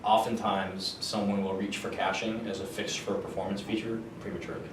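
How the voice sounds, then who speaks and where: A man giving an informal technical explanation, halting and thinking aloud as he answers questions. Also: little pitch movement. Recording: roomy, far microphone, noticeable low rumble.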